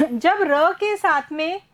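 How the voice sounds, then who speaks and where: A woman teaching a first-grade class online, patiently repeating words slowly for young children. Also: high voice, lively intonation, a bit bright. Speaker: primary school teacher.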